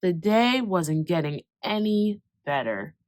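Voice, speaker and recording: Reading a picture book to children, this woman with a lowish voice brings the story to life. Her tempo shifts with the mood, slowing when it's peaceful and rushing when the action heats up.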